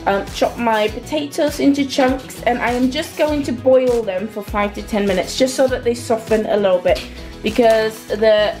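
A woman's voice: fairly high pitch, normal speed, over music. A young woman chatting through a recipe as she cooks in her home kitchen, hesitant and casual with plenty of ums. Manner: chatty, hesitant with many ums, talks while cooking. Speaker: cooking vlogger. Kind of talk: casual cooking walkthrough. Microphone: camera mic in the kitchen.

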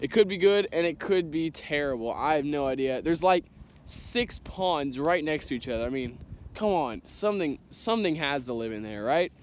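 A teenage boy with a high, bright-toned voice talking casually to his viewers while fishing. He's excitable and throws in dude and bro constantly. It's caught on an action camera outdoors, with faint traffic hum behind him. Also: normal speed. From Texas. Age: teens. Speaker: fishing vlogger. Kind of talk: casual vlog. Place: outdoors by suburban ponds. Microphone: handheld or body-mounted action camera.

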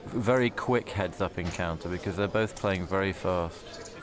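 A man giving calm, analytical commentary on live poker. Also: low voice, normal speed. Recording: crowd noise in the venue. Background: crowd noise.

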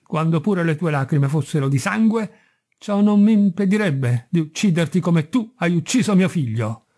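A man's voice: a little high, expressive, moderate pace, dark tone. A man reading as a stern, vengeful genie. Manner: stern, unyielding pronouncements. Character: huge vengeful male genie with a sword.

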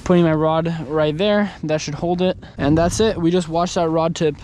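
A young man on a kayak out at sea, talking through his fishing setup in a relaxed, instructive way, recorded on an action camera. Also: on the high side, moderate pace, slight background noise. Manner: relaxed, instructional, talks while handling gear. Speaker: fishing vlogger. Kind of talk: casual outdoor explanation. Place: kayak on open ocean, outdoors. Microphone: action camera on a mount.

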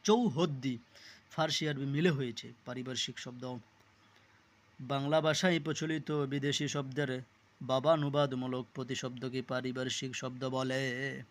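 A man's voice: medium pitch, fairly even intonation, normal speed. A man teaching an exam-prep lesson, reading lists of words aloud with small self-corrections. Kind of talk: reading and explaining a word list for exam study.

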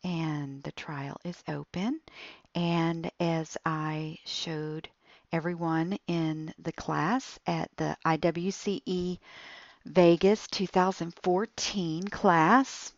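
A woman with a low voice talks slowly through a tablet app tutorial, explaining each step. The recording is dull and dry, with soft tapping clicks behind her. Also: vocal fry, no room sound.

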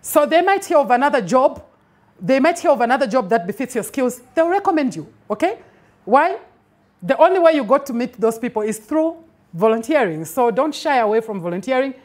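A Zambian woman in her forties leads a master class in a bright indoor studio. Her voice sits a little high. She talks with emphasis and keeps pausing to check that her listeners follow. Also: sing-song. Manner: emphatic, checks in with a frequent "okay?". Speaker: film industry master class speaker. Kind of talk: instructive talk to an audience.

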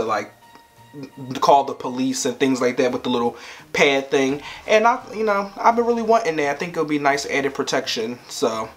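Chatty young male vlogger, playful and quick to laugh, filmed on a camera mic at home with soft music underneath. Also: mid-range voice. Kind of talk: casual chat to camera.

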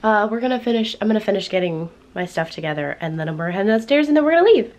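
A sixteen-year-old girl chatting excitedly to her viewers while she gets ready at home for a vlog. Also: mid-range voice, fast. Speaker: vlogger. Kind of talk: get-ready-with-me vlog chat.

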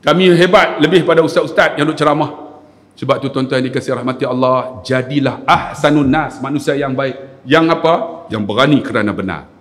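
A man with a Kedah accent giving a mosque lecture, telling stories and acting out shouted scenes. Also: medium pitch, brisk. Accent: Kedah Malay. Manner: animated, acts out scenes with shouted voices. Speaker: religious lecturer (ustaz). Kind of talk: sermon with humorous storytelling. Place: mosque hall. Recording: echoey mosque hall.

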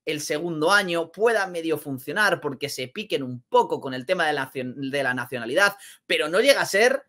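A man with a Spain Spanish accent giving casual basketball commentary, energetic and exclamatory, repeating phrases for emphasis. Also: on the high side, a little fast. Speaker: basketball vlogger.

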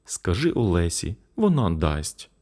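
A man's voice: low voice, very animated, unhurried, mellow, exaggerated voice. Brief: a tender sick mother, faint and tired as a man acts her out, storybook. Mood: weak. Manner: weak, faint voice. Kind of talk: storybook narration.

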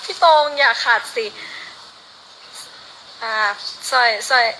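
A woman's voice: high-pitched, slow pace, sharp tone, poor audio. A woman from northeastern Thailand with an Isan accent, hosting a casual live stream and coaxing and teasing in a playful way. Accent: Isan Thai. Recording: noticeable background noise.

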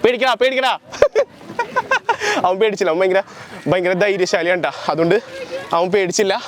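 A young man whose voice sits high keeps a steady tone and a quick pace, with slight background noise. In casual DIY vlog narration, he chats playfully with viewers while making and wearing costume puppets outdoors, on a street and in a park.

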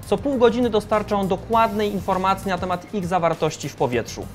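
A man in his thirties presenting a science video, explaining things in clear scripted narration. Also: high voice, brisk. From Poland. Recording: music bed under the voice.

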